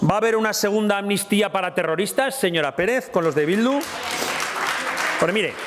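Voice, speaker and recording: A man's voice: high-pitched, fairly quick, slight background noise. A man giving a combative parliamentary speech, repeatedly addressing his opponent by name. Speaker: parliamentary spokesman. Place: parliament chamber. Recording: reverberant chamber with murmuring crowd.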